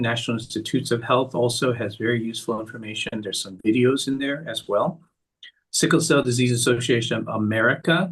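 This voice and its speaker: A man with a husky, slightly rough voice gives closing remarks on a video call. He moves briskly through resources and announcements like an announcer. His pitch sits in a middle range. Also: fairly bright tone, rough recording. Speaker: summit organizer closing the session.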